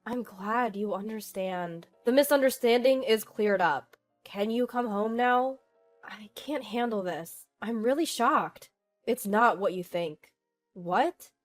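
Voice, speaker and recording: A woman's voice: medium pitch, slow pace, soft background music, lightly acted. A woman voicing an upset young mother who speaks in a strained, hurt way. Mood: distressed.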